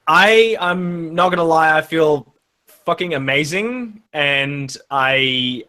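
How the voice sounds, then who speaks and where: A man's voice: fairly high pitch, slow, sharp tone. A man joining a livestream as a guest, laid-back and grateful, swearing casually.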